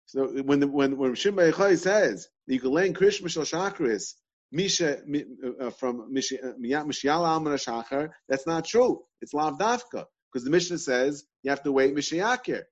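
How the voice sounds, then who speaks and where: Man, talmud class teacher, repetitive, slightly high voice, dull lo-fi sound. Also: expressive, normal speed. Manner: repetitive, questioning, restarts often.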